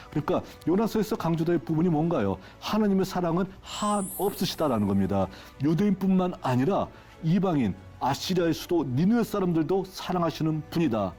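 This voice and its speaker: Middle-aged guy doing a tv bible lecture, acts out the quotes, asks questions, soft music behind. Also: fairly high pitch. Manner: asks the audience rhetorical questions; acts out quoted lines with emotion. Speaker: Bible professor. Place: broadcast studio.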